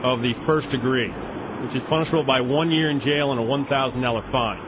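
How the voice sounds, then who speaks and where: A man's voice: medium pitch, brisk. A man speaking as an attorney guest on a radio show, explaining the law plainly and informally. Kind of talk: informal legal question-and-answer. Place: radio studio. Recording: muffled broadcast with noticeable background noise.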